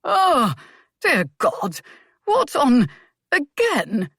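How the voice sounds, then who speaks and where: A woman's voice: sits high, huge pitch swings, extremely slow, fairly bright tone, dry recording, studio quality, pitched above the performer's own voice, heavily acted. A woman voicing an acerbic older male earl, a father caught off guard, in an audiobook. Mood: exasperated. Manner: acerbic, exasperated. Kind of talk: audiobook character voice.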